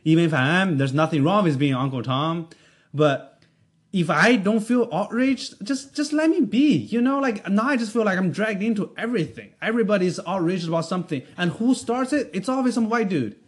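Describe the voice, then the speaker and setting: Man with a high voice, swears a lot, emphatic rant, casual talk. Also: lively intonation, a little fast. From United States. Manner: profane, emphatic, ranting. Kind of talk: casual chat.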